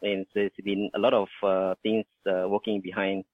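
A man's voice: deep voice, flat delivery, moderate pace, no room sound. A man from Indonesia, a small business owner, answering interview questions hesitantly with many fillers and restarts. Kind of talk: casual interview talk. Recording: tinny phone-like line, dry.

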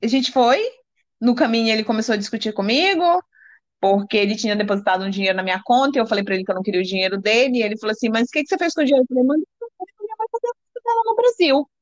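A woman's voice: a little high, rapid-fire, dry recording. A Brazilian woman, an interview guest, telling a personal story with many restarts and acted-out quotes. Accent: Brazilian Portuguese. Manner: breathless, restarts sentences, acts out quoted dialogue. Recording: dull lo-fi sound.

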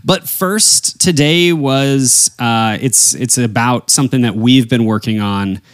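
A man hosting a casual podcast in a folksy way, often pausing to think aloud as he talks to listeners. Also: medium pitch, no echo, clean studio sound. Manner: folksy, addresses listeners as y'all. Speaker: podcast host; wedding and portrait photographer.

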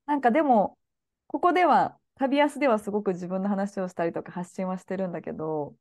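A woman co-hosting a podcast in casual chat, animated and playful. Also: medium pitch, a little fast. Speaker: podcast co-host.

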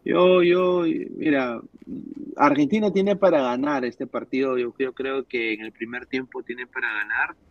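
A man co-hosting a casual sports podcast, teasing his co-hosts and often trailing off into quiet mutters. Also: mid-range voice, a little slow, dry recording. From Peru. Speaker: podcast co-host. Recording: dry, slightly muffled sound.

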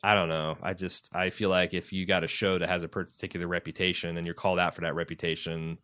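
Blunt, profane Midwestern man, low voice. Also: fast. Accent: Midwestern American. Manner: blunt, profane, animated rants. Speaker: podcast co-host. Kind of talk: casual chat.

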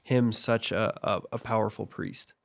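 A man's voice: on the low side, fairly even intonation, moderate pace, vocal fry. A man co-hosting a podcast, reflecting aloud and asking his partner questions. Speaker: podcast co-host. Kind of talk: casual podcast conversation.

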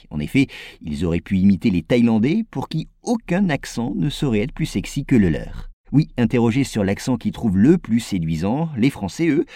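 A man from France presenting a scripted news item in a clear, explanatory way, addressing his viewers directly. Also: on the low side, dark tone, dry recording, studio quality.

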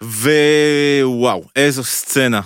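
A man co-hosting a casual TV-recap podcast, enthusiastic and halting, with many fillers. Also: medium pitch, fairly bright tone, clean tone, no echo, studio quality. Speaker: podcast co-host.

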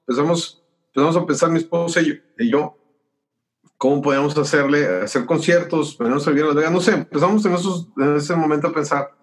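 With a fairly high pitch and fast delivery, this Mexican-accented, middle-aged pastor and musician recounts his life in a relaxed interview. He's animated, playing out the conversations as he goes.

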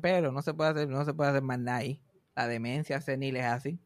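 A man's voice: medium pitch, quick pace, no echo, clean studio sound. A man with a Puerto Rican accent telling funny family stories in casual chat, swearing freely. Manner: animated storyteller, swears casually, laughs often.

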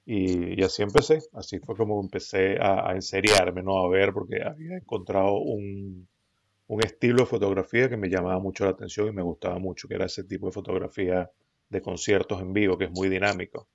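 A middle-aged man with a Venezuelan accent, telling his story as a podcast guest in a relaxed, rambling way with many fillers and restarts. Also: low voice, fairly quick, vocal fry. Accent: Venezuelan Spanish. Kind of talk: casual conversational storytelling. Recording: dull lo-fi recording.

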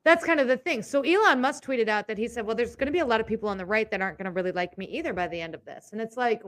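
A woman co-hosting a casual political chat, sarcastic and animated, swearing freely. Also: on the high side, rapid-fire, no room sound. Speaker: podcast co-host.

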